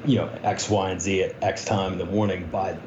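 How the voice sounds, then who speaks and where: Low-voiced man amid whirring, car-wash-like noise. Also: level tone, brisk. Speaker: podcast co-host. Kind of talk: casual podcast chat. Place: echoey room with whirring background noise. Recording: roomy, dull, noisy whirring like a car wash.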